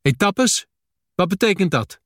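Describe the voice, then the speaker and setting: A man's voice: sits high, sing-song, unhurried, dry recording, clean studio sound. A man reading a novel aloud, voicing a fierce Brazilian widow who speaks blunt, broken Dutch. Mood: prickly. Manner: blunt, clipped broken grammar.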